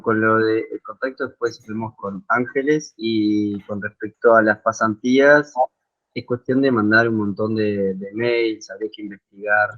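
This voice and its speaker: A fairly low-voiced man answers questions on a video call and keeps pausing to search for his words. The audio sounds dull and muffled. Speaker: guest landscape designer. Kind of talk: online Q&A answer.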